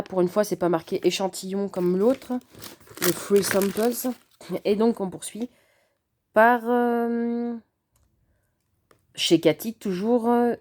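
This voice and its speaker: A woman chatting casually through an unboxing of a cat subscription box, often pausing with fillers. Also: medium pitch, mellow. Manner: chatty, hesitant with frequent fillers.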